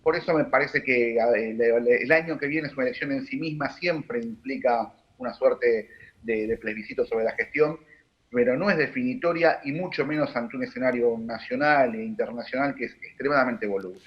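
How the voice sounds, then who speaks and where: A man with a Rioplatense Argentine accent, a political analyst giving measured, analytical answers on a panel, with frequent fillers and restarts. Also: mid-range voice, lo-fi sound. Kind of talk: broadcast panel discussion.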